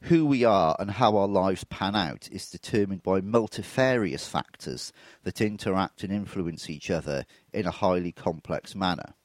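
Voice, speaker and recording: Speaking alone on his podcast, a man in his forties sounds reflective and frank, poking fun at himself, his throat a bit rough from mild flu. His deep voice moves at normal speed in a dry recording.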